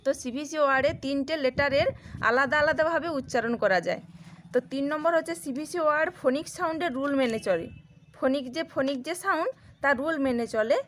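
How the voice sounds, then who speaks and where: High-voiced woman teaching phonics patiently. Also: a bit bright. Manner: slow, patient sounding-out of letters and words. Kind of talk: phonics lesson for children.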